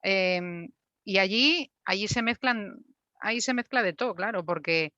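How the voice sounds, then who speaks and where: A woman's voice: mid-range voice, lively intonation, unhurried, bright, forceful tone, dry recording. A woman hosting and interviewing on a video call, asking questions with hesitant, repeated words. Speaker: event host and interviewer. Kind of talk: moderating an online talk. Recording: dry lo-fi video call audio.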